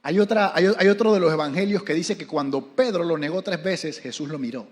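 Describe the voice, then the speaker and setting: A man's voice: on the high side, brisk. A man with a Panamanian Spanish accent, a pastor preaching a sermon, retelling scripture dramatically and often asking the audience questions.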